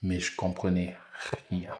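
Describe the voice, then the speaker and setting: A man's voice: low voice, a little slow, echoey room. A man from Congo, a podcast co-host, telling stories in casual chat and acting out the people he quotes. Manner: animated, acts out quoted voices.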